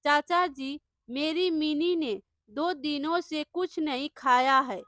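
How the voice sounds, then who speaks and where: Woman voicing a humble, soft-hearted poor farmer. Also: high voice, takes it slowly, dry recording, clean studio sound. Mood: pleading. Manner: humble, pleading.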